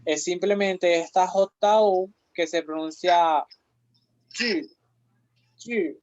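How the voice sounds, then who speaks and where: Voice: medium pitch, fairly even intonation, takes it slowly, a little mellow, no echo. A language teacher running a pronunciation drill, patiently repeating each syllable several times. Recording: muffled lo-fi audio.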